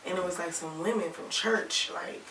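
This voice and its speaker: A young woman talks in a relaxed, rambling way, with plenty of "like" and "you know". Her voice sits low but sounds bright. The room is echoey, and she is heard from some distance off the mic. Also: normal speed, vocal fry, slight background noise. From Alabama, raised in Toledo, Ohio. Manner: relaxed, rambling, many "like" fillers. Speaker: rapper and singer, interview guest. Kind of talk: casual interview chat.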